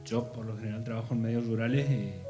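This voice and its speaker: A man's voice: on the low side, steady tone, quick pace. Man explaining plainly, guitar behind. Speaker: rural teacher. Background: guitar music.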